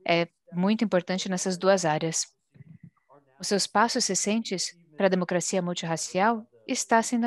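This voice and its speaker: Brazilian woman interpreting a formal speech. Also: medium pitch. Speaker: simultaneous interpreter.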